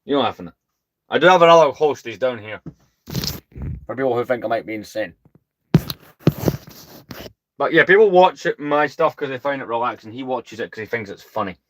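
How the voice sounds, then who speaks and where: Calm, soothing British man chatting. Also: medium pitch, brisk, long pauses, muffled recording. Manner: rambling, chatty, self-deprecating. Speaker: host. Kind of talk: casual livestream chat.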